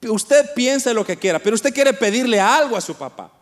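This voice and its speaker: Man, very high voice; fervent preacher who alternates loud emphasis with hushed asides. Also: expressive, normal speed. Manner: addresses the congregation as brothers, swings from loud to hushed. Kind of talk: sermon.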